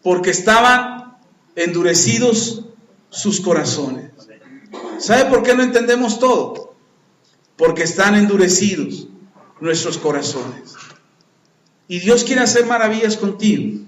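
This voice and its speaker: A pastor preaches to his congregation, his fairly high voice rising and falling as he acts out the scenes he describes. The sound carries the echo of a church hall around him. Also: a little slow, long pauses, slight background noise. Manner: animated preaching, acting out voices. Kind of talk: sermon.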